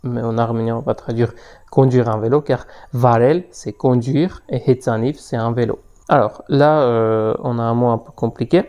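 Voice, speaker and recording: A man's voice: medium pitch, fairly even intonation, normal speed, mellow. A man teaching vocabulary in an online lesson, patiently repeating words for learners to echo. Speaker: language teacher.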